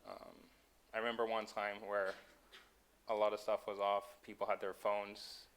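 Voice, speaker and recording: A man's voice: fairly low pitch, little pitch movement, moderate pace, slight background noise. A man from Denmark, giving a conference talk with frequent ums and self-corrections. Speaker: conference speaker.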